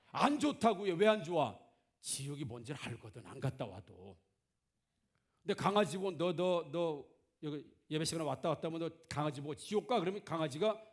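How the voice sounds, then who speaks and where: A man preaching a Sunday sermon as pastor, asking the congregation questions, answering them himself and acting out quoted voices. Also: high voice. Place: church sanctuary.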